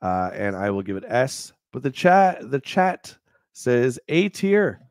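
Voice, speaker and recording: Stuffy, nasal man hosting a lively stream. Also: medium pitch, slow, no echo, studio quality. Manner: upbeat, animated presenter. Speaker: livestream host. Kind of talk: casual chat.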